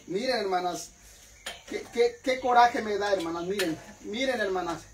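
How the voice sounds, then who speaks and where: A man's voice: high-pitched, moderate pace, a little hiss or hum, rough recording. Theatrical foul-mouthed man ranting. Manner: theatrical, profane, mock-indignant, keeps calling viewers "sisters"; eating on camera while talking. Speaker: vlogger. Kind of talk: casual vlog rant to followers.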